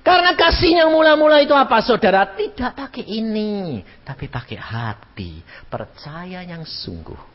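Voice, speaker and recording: An elderly man preaching a sermon, jokey and animated, jumping between shouts and hushed asides. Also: high voice, normal speed. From Indonesia. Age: 70s or 80s. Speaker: evangelist preacher. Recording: lo-fi recording in a reverberant hall.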